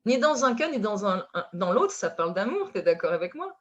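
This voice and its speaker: A woman from France with a French accent, speaking as a relationship coach in a casual conversation, animated and full of fillers and restarts. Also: mid-range voice, fairly quick. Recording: dull lo-fi sound.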